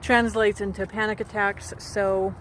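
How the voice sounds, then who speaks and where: A woman sounding anxious and shaken, speaking haltingly and earnestly to camera in a personal vlog. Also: mid-range voice, level tone, a bit bright, slight background noise. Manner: halting, earnest, with long pauses. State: anxious, shaken during a panic attack. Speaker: mental health vlogger. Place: outdoors beside a parked car.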